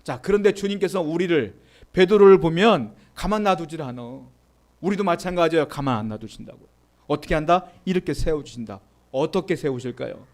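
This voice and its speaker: Pastor, male, preaching in a chatty manner with frequent questions to the congregation, somewhat high-pitched. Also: expressive, fairly quick, darkish tone. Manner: conversational preaching with rhetorical questions; reads scripture aloud with the congregation. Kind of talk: sermon.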